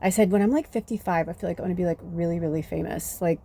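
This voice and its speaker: Woman, 50s, mellow dark tone, rambling and chatty, swears freely, tarot reader. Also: lowish voice, fairly even intonation, quick pace, creaky, slightly rough. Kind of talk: casual spiritual reading.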